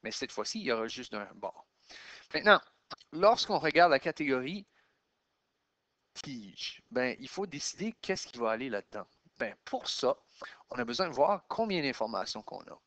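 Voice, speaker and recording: A man's voice: medium pitch, big pitch swings, normal speed, long pauses, dry recording. Québécois man teaching a math lesson. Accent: Québécois French. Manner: counting out loud step by step while writing.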